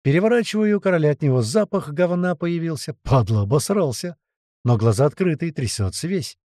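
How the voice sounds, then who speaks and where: A man narrating a first-person audiobook in a blunt, swearing manner. His voice is mellow and animated, ranging widely in pitch. The recording is dry and close. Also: brisk, dry recording. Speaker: audiobook reader.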